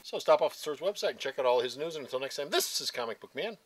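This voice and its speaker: A man co-hosting a casual wrestling news chat, playful and quick with a joke. His voice sits high and swings widely. The sound is dry and close. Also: animated, no echo. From United States. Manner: jokey, playful interjections. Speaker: co-host, comic store owner.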